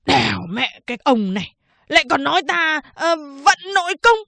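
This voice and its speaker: A woman's voice: on the high side, animated, normal speed, no room sound. A woman doing a fiery condemned prisoner. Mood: defiant, indignant. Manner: loud, commanding, indignant. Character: defiant condemned male prisoner, proud and fiery.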